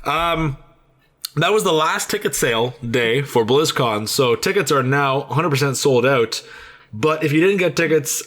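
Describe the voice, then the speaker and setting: A man's voice: mid-range voice, animated, unhurried, fairly bright tone. A man hosting a podcast in casual chat, rambling a little with fillers and restarts. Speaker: podcast host.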